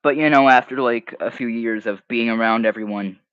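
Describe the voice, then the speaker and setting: Brisk and smooth, a young man's medium-pitched voice carries his casual livestream as he reads comments. His first language is Hebrew, and he's animated and rambling, sometimes trailing into mumbles. The dry, slightly muffled home mic picks up no room sound.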